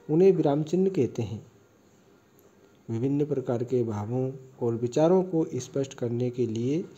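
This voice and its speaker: A man teaching a grammar lesson, going over each definition slowly and checking with his listeners as he goes. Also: on the high side, dark tone. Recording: dull lo-fi recording.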